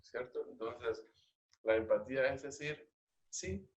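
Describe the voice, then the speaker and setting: Male agile coach, slow, questioning delivery, low voice, roomy and dull call audio. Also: expressive, a little hiss or hum. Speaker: agile trainer. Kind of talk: interactive training session.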